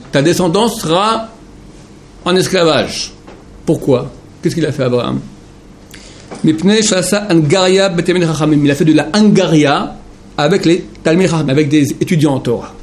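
A man giving a Torah lecture to an audience of men, emphatic and rhetorical, swinging between hushed explanation and impassioned questions. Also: high-pitched, a little hiss or hum. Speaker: rabbi teaching Torah.

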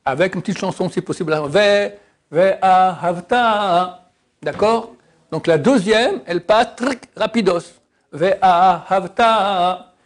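High-voiced man teaching Hebrew pronunciation. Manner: lively, drawn-out demonstrations of words, half-sung; casual and teasing, with asides. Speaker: religious teacher. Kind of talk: informal lesson on Hebrew pronunciation.

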